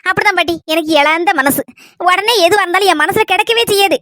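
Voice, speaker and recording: Very high, chattering Kanyakumari woman. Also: fairly quick, sharp tone, no echo, studio quality. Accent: Kanyakumari Tamil. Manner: chattering, blurts everything out, playful stammer. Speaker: comedy skit performer. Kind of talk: comic village skit.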